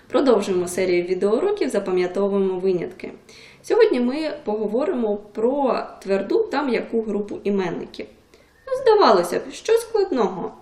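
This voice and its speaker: A woman's voice: medium pitch, roomy sound. A woman video tutor explaining a lesson, stressing her example words. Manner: lively, emphatic on example words.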